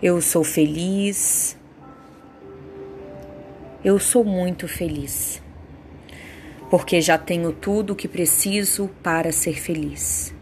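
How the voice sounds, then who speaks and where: Soothing, slow-paced woman guiding meditation. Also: on the low side, fairly even intonation, slight background noise. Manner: slow, soothing, unhurried delivery with pauses. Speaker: meditation guide. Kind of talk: guided meditation with affirmations. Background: soft background music.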